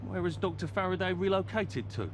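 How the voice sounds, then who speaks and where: A man's voice: sits high, expressive, fairly quick, background noise. A man with a British accent playing a polite, nervous, mild-mannered hero in a video game. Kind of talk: video game character acting.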